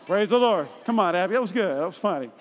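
Very high-voiced energetic male pastor. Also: fast, a little hiss or hum. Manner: energetic, jokey, rhetorical asides. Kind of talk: sermon with comic storytelling. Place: church auditorium. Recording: long church-hall reverb.

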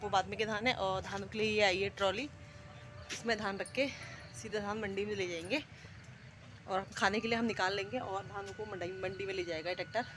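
A woman in her thirties from India, speaking with an Uttarakhand Hindi accent, casually narrates a village vlog explaining farm work step by step, first outdoors by rice fields and a farmyard, then in her home kitchen. Her medium-pitched voice is fairly quick and fairly even in intonation, with background noise, captured on a phone camera often held at arm's length.

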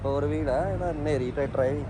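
A man's voice: a little high, brisk, crowd noise. A man giving casual, chummy vlog commentary outdoors, addressing viewers as friends. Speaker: vlog host. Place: outdoors at a farm machinery fair. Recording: engine and vehicle noise, outdoors.

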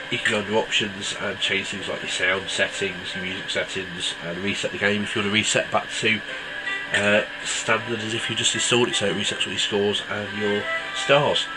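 In a low-leaning voice, an app reviewer with a stuffy nose chats casually about a mobile game, drifting along with lots of ums. Audio quality is poor, and game music plays loudly behind him.

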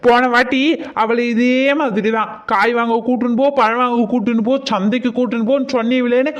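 A man's voice: very high-pitched, steady tone, brisk, highs cut off. A man with a Tamil Nadu accent playing a resentful, sarcastic young daughter-in-law in a comedy skit. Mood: exasperated, arguing. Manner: grumbling, exasperated.

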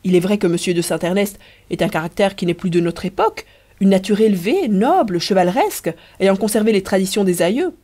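A woman's voice: mid-range voice, lively intonation, brisk, dark tone, close to an everyday voice. A woman reading the part of a proud society wife who declaims in a lofty, emphatic way.

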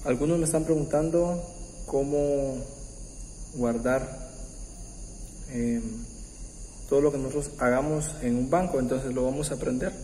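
A man with a medium-pitched, steady voice hosts a keyboard tutorial, explaining step by step in a warm, patient, halting way full of pauses and restarts, and he offers a religious greeting. The roomy space has long reverb, with slight background noise and faint keyboard music behind him.

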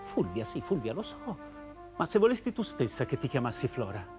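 A man's voice: medium pitch, big pitch swings, moderate pace, over music, close to an everyday voice. An actor playing a desperate, lovesick middle-aged man, pleading and overwrought, in a stage play recording. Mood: anguished. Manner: pleading, overwrought, swings loud to soft.

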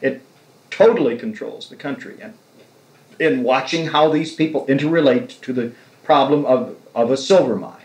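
A man's voice: medium pitch, normal speed, a little mellow, reverberant, rough recording. A man interviewing an author, musing at length about novels, heard on an old 1969 tape recording. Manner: reflective, long winding literary remarks. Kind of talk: conversational discussion.

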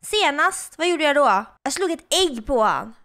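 A young woman talks casually to her viewers while she plays a game. Her voice is high and bright, giggly and excitable, and it jumps into shrieks whenever something surprises her. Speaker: girlfriend of the host, gaming on camera. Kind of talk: casual gaming chat.

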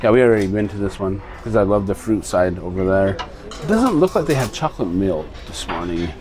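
A man's voice: deep voice, lively intonation, a little fast, rough recording. A man vlogging a casual walkthrough of a ship's buffet restaurant, talking in an easygoing, rambling way into a handheld camera. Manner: easygoing, rambling tour talk. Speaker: travel vlogger. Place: ship buffet restaurant, indoors.

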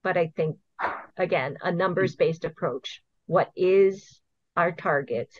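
A middle-aged woman from Hawaii, an invasive species program manager, answers casual interview questions as a guest on a home video call. Her lowish voice moves at a slow pace, and she explains things earnestly and step by step, laughing now and then. The video call audio is dull and dry, with no room sound.

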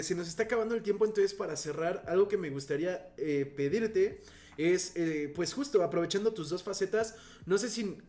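A Mexican man with a slightly high voice hosts a casual interview podcast. He asks long, winding questions. He keeps his guest going with short, agreeable replies. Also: dark tone. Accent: Mexican Spanish. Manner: agreeable, frequent short affirmations.

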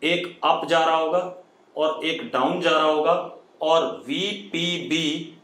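Speaking slowly in a steady, somewhat bright and slightly high voice, a man runs a live online physics class. He switches between Hindi and English, addresses students as "beta," dictates word by word, and often confirms they're keeping up. The room echoes.

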